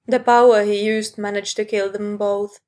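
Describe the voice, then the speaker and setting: A woman reading a fan fiction story aloud, narrating in an unhurried way and lifting her voice for the characters' lines. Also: medium pitch, little pitch movement, darkish tone.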